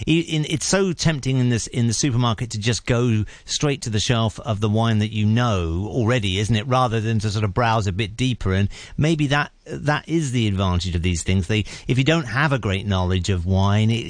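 A male radio host speaks in a dry, close studio sound with no room echo. His pitch sits in a middle range. He talks tentatively, with lots of "sort of" and "you know". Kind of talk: radio interview.

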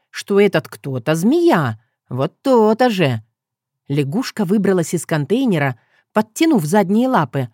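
A woman narrating an audiobook in a playful, expressive storytelling manner. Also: fairly low pitch, dry recording, studio quality. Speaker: audiobook reader.

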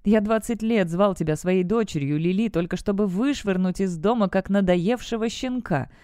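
A woman voicing a defiant, sharp-tongued young witch in an audiobook. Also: mid-range voice, normal speed, smooth, no room sound, clean studio sound, natural voice. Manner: bitter, defiant. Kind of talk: audiobook character voice.

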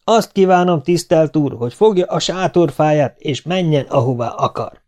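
A man voicing an indignant, sharp-tongued middle-aged mother who scolds loudly in a raised, shrill voice. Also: animated, natural voice. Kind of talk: audiobook character voice.

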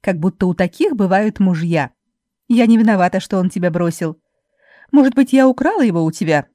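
A woman voicing a spiteful young laundress who loudly taunts and mocks her rival in an audiobook. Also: lively intonation, brisk, no echo, studio quality, natural voice. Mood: jeering. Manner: loud, mocking, shrill taunting.

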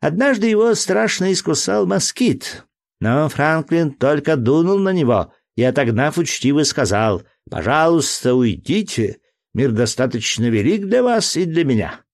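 A man reading aloud, voicing a fussy, excitable male entomologist who lectures with pedantic indignation. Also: a little high, unhurried, creaky, voice pushed up, exaggerated voice. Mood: fussy, lecturing. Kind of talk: audiobook character voice.

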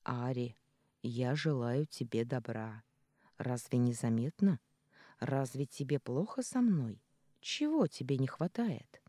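An audiobook reader voicing Jella, a male non-human Yass who speaks slowly and firmly with a quiet threat, in a dry, mellow recording. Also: medium pitch, expressive, no room sound. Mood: coaxing. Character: male Yass, a non-human being, stern then gentle.

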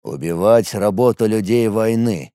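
A man voicing a sullen, fatalistic young former warrior in an audiobook, speaking in low, flat, grudging replies. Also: moderate pace, smooth, dry recording, studio quality, lightly acted. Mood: guarded.

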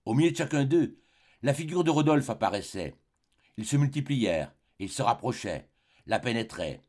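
A man with a mid-pitched voice reads a classic novel aloud. His narration is measured and dramatic, built from short phrases and pauses. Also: big pitch swings, darkish tone. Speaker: audiobook reader. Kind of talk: literary audiobook narration.

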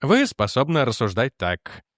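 A man's voice: mid-range voice, huge pitch swings, measured pace, a bit bright, no echo, studio quality. A man reading aloud as a skeptical male official who defends the president and argues back. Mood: defensive.

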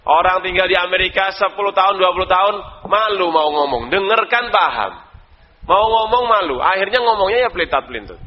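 A man's voice: high voice, lively intonation, brisk. Male Arabic teacher, Indonesian accent, quizzes students by name, lo-fi dull sound. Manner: calls on students by name, quizzes them, chuckles. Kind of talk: live online Arabic class. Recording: dull lo-fi recording.

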